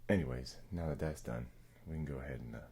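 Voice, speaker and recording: A man speaking in a hushed, gravelly ASMR style, chatting casually in a laid-back, halting, slangy way. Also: very deep voice, a little hiss or hum. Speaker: ASMR video creator and host. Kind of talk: soft-spoken ASMR, casual rambling chat.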